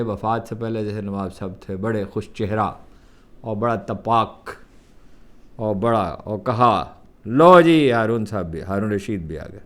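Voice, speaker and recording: An older man with a Pakistani Urdu accent telling personal anecdotes in a lively way, acting out the quoted remarks. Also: medium pitch. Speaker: columnist recounting memories. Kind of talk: storytelling anecdotes.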